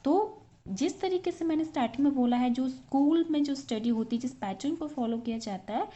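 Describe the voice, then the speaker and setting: A woman teacher, patiently spelling out letters one by one in a slow lesson for young children and mixing in English. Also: high voice, warm tone, muffled recording. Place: school classroom.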